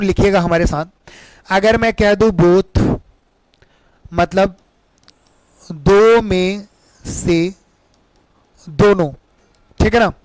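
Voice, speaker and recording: A man's voice: sits high, dry recording, rough recording. A man teaching English grammar for exams, emphatic and repetitive, often asking the students questions and calling them beta. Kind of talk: exam-prep lesson.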